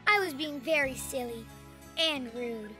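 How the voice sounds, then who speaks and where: A woman's voice: sits high, measured pace, pushed and bright, faint music behind. A woman voicing a brash young girl in a children's cartoon who is blunt and rowdy but learning to be polite. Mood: remorseful. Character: brash girl, quick-tempered then sheepish.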